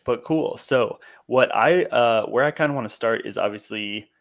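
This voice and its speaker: A man's voice: mid-range voice, normal speed. A man hosting an interview, laid-back and chatty, who says "awesome" and "cool" often and asks long, winding questions. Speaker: podcast host.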